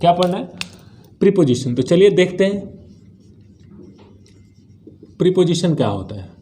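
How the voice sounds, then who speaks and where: मधुर आवाज़ वाला भारतीय अंग्रेज़ी शिक्षक. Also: male voice, sits high, sing-song, fairly quick, mellow, a little hiss or hum. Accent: Indian. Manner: asks questions and answers them himself, repeats key words. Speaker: English teacher. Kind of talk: spoken English lesson in Hindi.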